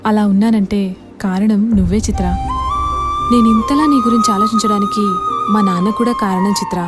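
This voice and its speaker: A woman's voice: medium pitch, steady tone, brisk, lightly acted. A woman playing an earnest young woman. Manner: earnest, heartfelt. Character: earnest young woman fond of her mother. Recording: film soundtrack with music.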